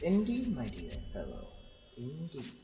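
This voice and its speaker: A man's voice: mid-range voice, huge pitch swings, measured pace, mellow, reverberant, faint music behind. A man playing a theatrical, scheming alien villain in a fan audio drama, grandiose and condescending. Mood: grandiose, smug.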